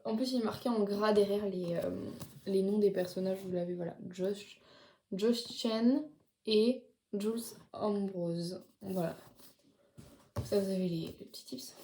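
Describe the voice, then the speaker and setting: A teenage girl talks through her haul in a loose, chatty way, leaning on casual fillers as she goes. Her voice is mellow and relaxed. The room around her rings with noticeable echo. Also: mid-range voice, a little hiss or hum. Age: late teens. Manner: chatty, many fillers like "genre" and "du coup". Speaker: vlogger. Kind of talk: casual haul video chat. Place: her bedroom.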